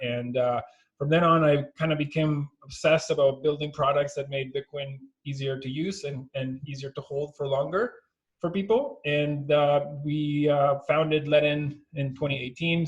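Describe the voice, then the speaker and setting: A man in his thirties from Venezuela, a company founder, explaining things in a measured way as an interview guest over a video call. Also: medium pitch, dull audio. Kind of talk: casual interview.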